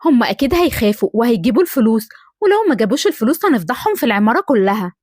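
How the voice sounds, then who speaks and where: A woman with an Egyptian accent voicing a suspicious, scheming young housewife who mutters quickly to herself. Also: fairly high pitch, sing-song, darkish tone, breathy edge, no echo, clean studio sound.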